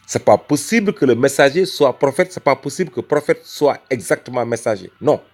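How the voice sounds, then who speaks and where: A man from Senegal makes an impassioned religious argument, repeating phrases with emphatic rhetoric and calling the listener brother. His mid-range voice is a little mellow, with lively intonation and a slightly fast pace, over soft background music.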